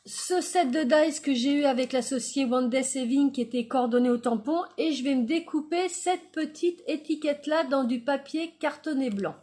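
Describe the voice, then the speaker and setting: A woman hosting a craft tutorial, calmly describing each step as she works. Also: high-pitched, moderate pace, hardly any pauses.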